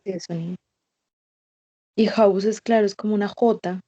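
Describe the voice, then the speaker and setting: Woman student, flat, mellow, hesitant, dull dry lo-fi sound. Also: mid-range voice, a little slow, no room sound. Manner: hesitant, short replies.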